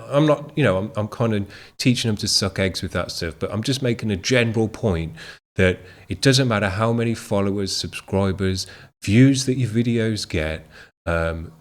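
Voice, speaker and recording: A man in his late thirties talks casually to his channel's viewers, rambling with plenty of fillers and restarts. He sounds enthusiastic and heartfelt, and his voice sits slightly low. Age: 30s. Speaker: music channel host. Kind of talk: casual chat.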